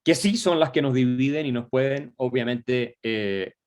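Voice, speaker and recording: A man's voice: mid-range voice, unhurried. Man, mid-range voice, lecturing guest, hesitant fillers. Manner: lecturing, many filler "eh" and tag questions. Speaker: guest commentator. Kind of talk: political discussion.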